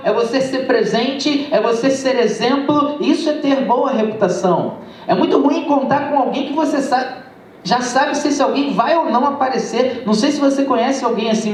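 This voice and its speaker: High-voiced Brazilian preacher in echoey church. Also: male voice, distant mic. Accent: Brazilian Portuguese. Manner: addresses the congregation as brothers. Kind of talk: sermon with personal testimony. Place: church sanctuary. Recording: echoey church, heard from afar.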